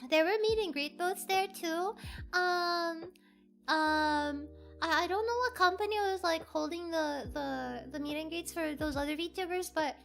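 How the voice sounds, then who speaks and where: A streamer chatting casually on a livestream, telling a story in an excitable, rambling and giggly way over faint background music. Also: extremely high pitch, measured pace, vocal fry. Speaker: VTuber streamer.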